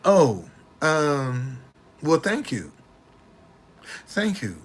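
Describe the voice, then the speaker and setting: Man, late sixties, casual talk to camera, street slang, repeats himself, fairly high voice. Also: extremely slow. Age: 60s. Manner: animated, repetitive, indignant retorts.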